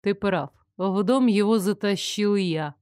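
A woman's voice: mid-range voice, unhurried, dark tone, no room sound, clean studio sound, close to an everyday voice. A woman reading the part of a firm, slyly mocking young man in an audiobook.

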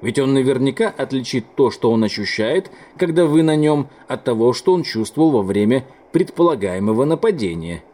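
A man voicing a smug, measured elderly doctor in an audiobook. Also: mid-range voice, expressive, dark tone, lightly acted. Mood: calm. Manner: measured, coaxing. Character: older male doctor, calm, reasoning, smug.

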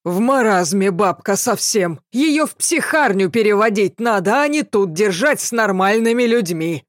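A coarse older woman barks in a hoarse, booming voice, rude and quarrelsome, as a woman narrator plays her. The audiobook sound is dry and close. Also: expressive, moderate pace, no room sound, lightly acted. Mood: angry. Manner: rude, shouting. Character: big coarse loud older woman, quarrelsome hospital neighbor.

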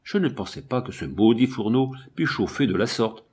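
A man's voice: medium pitch, animated, normal speed, a little mellow, breathy edge. A man reading the lines of a clumsy, good-natured giant of a man in an audiobook, blunt and simple. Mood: apologetic.

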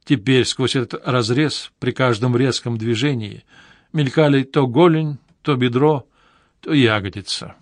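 A man narrating a novel in the first person, calm and measured, at an ordinary middle pitch. He is recorded close on a studio mic, completely dry with no room echo. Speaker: audiobook narrator.

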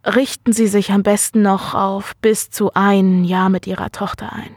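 A woman's voice: mid-range voice, little pitch movement, moderate pace, no echo, clean studio sound, lightly acted. A woman reading a serious male doctor. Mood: grave. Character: calm, earnest male doctor.

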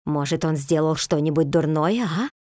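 Brief: woman reading as an agitated peasant wife, higher and louder, pleading and reproachful, dry sound. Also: moderate pace, no room sound, lightly acted. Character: fretful, outspoken peasant wife, emotional.

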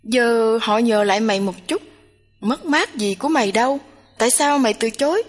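A woman's voice: fairly high pitch, normal speed, close to an everyday voice. A woman voicing a blunt, teasing young female roommate who nags and chatters in a storybook reading. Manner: nagging, bossy, chattering. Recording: long hall reverb.

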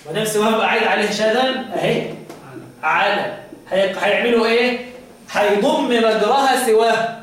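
Egyptian teacher guy drilling students, high voice, mic far off. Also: fairly bright tone. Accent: Egyptian Arabic. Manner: drills by question, draws out recited words slowly. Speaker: teacher of Quran recitation. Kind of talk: classroom lesson with questions to students. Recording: echoey room, voice from far off mic.

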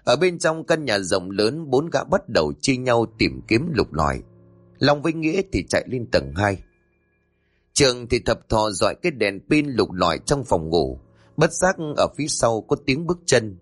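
A man's voice: medium pitch, very animated, moderate pace, no room sound, faint music behind. A man narrating a spoken horror story in a dramatic, tense manner.

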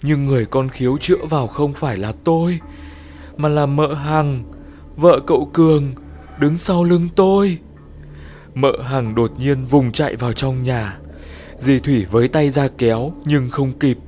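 Male horror narrator, mid-pitched and tense, soft music behind. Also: a little slow. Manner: tense first-person storytelling. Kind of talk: scripted horror story narration.

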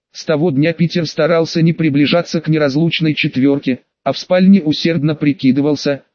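Male audiobook narrator with a slightly high voice, measured delivery, dry muffled recording. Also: dry recording.

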